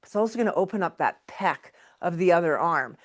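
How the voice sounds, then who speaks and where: A woman's voice: on the low side, animated, brisk. A woman pilates instructor talks a class through each move. She calls breaths and counts in a friendly, encouraging way. Her cues are conversational rather than scripted. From Canada. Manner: chatty, laughs between cues. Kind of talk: live exercise class instruction.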